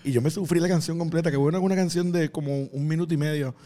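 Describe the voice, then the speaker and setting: High-voiced Puerto Rican comedian telling a story. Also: male voice, racing. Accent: Puerto Rican Spanish. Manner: animated, laughing storyteller with lively voiced asides. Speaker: stand-up comedian. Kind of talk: casual storytelling chat.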